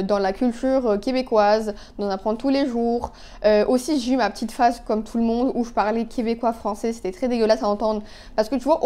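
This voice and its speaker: A woman's voice: on the high side, warm tone. A young woman in her twenties chatting casually while doing her makeup, talkative and full of fillers and asides. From Canada. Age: 20s. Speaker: beauty vlogger. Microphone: phone.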